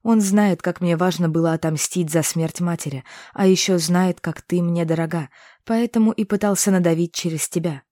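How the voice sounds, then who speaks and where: A woman voicing a calm young male inquisitor who explains things patiently and teases gently. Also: lowish voice, normal speed, dry recording, clean studio sound, natural voice.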